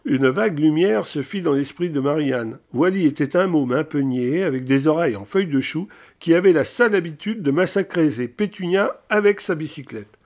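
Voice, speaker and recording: A man reading a novel aloud in a measured, steady storytelling manner. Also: fairly high pitch. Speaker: audiobook narrator. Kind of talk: scripted narration.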